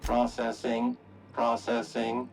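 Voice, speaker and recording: A man's voice: medium pitch, completely flat delivery, slow pace, slight background noise, rough recording. A man voicing a formal, dutiful automech robot in a video game, speaking in a robot voice with stiff machine announcements.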